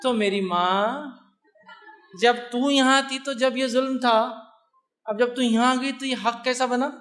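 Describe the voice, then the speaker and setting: A man lecturing an audience on a religious topic, lively, with rhetorical questions and teasing humor. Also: very high voice.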